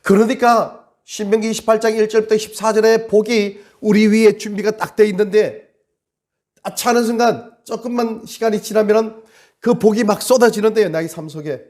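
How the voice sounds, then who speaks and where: Pastor guy preaching, fairly high voice, dramatic, drags words out for effect. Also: steady tone, darkish tone. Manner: dramatic, acts out quoted prayers, drawn-out emphasis. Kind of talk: sermon.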